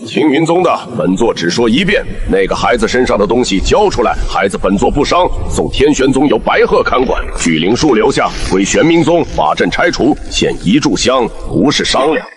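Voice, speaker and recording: An actor playing a cold, domineering sect-leader villain in an animated drama, issuing clipped, imperious decrees. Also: male voice, medium pitch, moderate pace, hardly any pauses, lightly acted. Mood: menacing.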